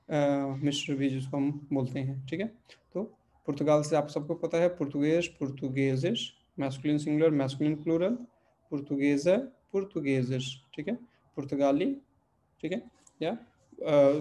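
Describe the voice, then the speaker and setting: Male language teacher, patient and repetitive, drills word endings, mellow tone. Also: a little high. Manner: patient, repeats word forms slowly, checks in with "ठीक है". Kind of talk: online language lesson.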